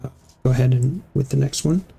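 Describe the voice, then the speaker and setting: A man narrating combat as game master of a tabletop game, halting with many fillers and restarts. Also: medium pitch, gravelly, mellow, slightly rough.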